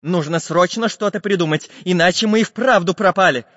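A man's voice: sits high, a little fast, a bit bright, voice pushed up. A man voicing a small iron male handyman who speaks firmly and plainly. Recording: dull lo-fi with long reverb.

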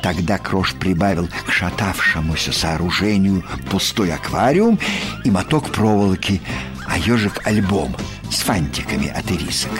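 A man reading a children's story aloud, expressive and unhurried. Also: low voice. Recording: story reading with soft music.

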